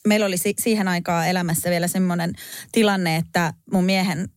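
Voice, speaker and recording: A middle-aged woman hosting a casual podcast chat, telling stories in an animated way and laughing often as she spins out worst-case scenarios. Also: on the low side, no echo, clean studio sound. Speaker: podcast host.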